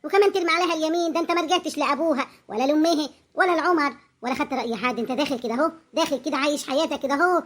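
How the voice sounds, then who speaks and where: A high-voiced performer playing a fierce, protective older mother in a cartoon, scolding with an Upper Egyptian accent. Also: rapid-fire, hardly any pauses, fairly bright tone. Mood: furious. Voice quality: scolding, confrontational.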